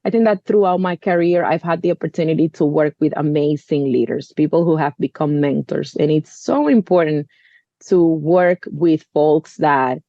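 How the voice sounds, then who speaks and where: A woman's voice: deep voice, moderate pace, dark tone, no room sound, dull audio. A woman in her thirties from the Dominican Republic, speaking earnestly as an interview guest, often saying "you know.". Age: 30s. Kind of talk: conversational interview.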